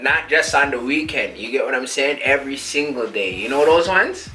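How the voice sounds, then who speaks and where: A man doing a brash young street rapper. His voice is bright and punchy, with music playing faintly behind him. He rambles through heavy slang and keeps asking the listener whether they get him. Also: mid-range voice, animated, normal speed, poor audio. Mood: rambling. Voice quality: slang-heavy rambling with endless filler tags. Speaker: musician being interviewed. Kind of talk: comedy sketch.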